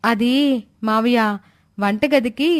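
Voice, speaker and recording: A timid young newlywed daughter-in-law in a storybook, played by a woman. She answers softly and politely, pitched above the other women she voices. The sound is dry and close. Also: takes it slowly, no room sound. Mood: meek. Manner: meek and polite. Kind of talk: storybook voice acting.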